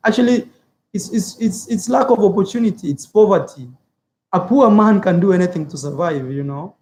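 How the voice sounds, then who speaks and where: Earnest high-voiced man from Africa. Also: lively intonation, normal speed, darkish tone. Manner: earnest, repeats phrases, many filler words. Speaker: YouTuber. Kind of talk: casual opinion vlog, reading viewer comments.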